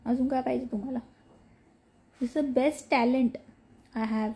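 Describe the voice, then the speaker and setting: A woman creator chatting casually as she reads and answers her followers' comments, mock-scolding and teasing them with a sharp tongue. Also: high-pitched, fairly even intonation, takes it slowly. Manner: bursts of laughter and mock scolding. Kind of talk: casual chat reading and replying to comments.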